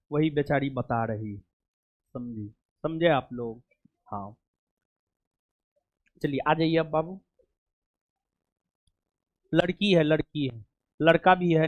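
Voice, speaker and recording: Man, Bihari Hindi accent, high pitch, dry close sound, fond teasing teacher type. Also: no room sound. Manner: affectionate, joking, fussy. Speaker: coaching teacher. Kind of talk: casual chat while honoring students.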